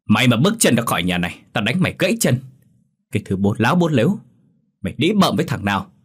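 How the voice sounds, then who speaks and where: A man's voice: medium pitch, animated, husky. Man doing a furious, drunken father. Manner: fast, furious scolding. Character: angry drunken father, middle-aged, hot-tempered.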